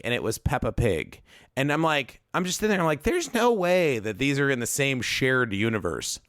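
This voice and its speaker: A man's voice: medium pitch, a bit bright, no echo, studio quality. A man on a podcast telling a long, rambling story, often breaking off and circling back. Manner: rambling storyteller, self-interrupting. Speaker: podcast co-host. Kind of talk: casual podcast chat.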